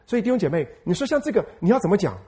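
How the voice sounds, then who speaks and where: A male pastor preaches with quick energy. His fairly high voice rises and falls a lot as he repeats lines for emphasis. He keeps putting questions to the congregation. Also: sing-song, warm tone. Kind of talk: lively sermon.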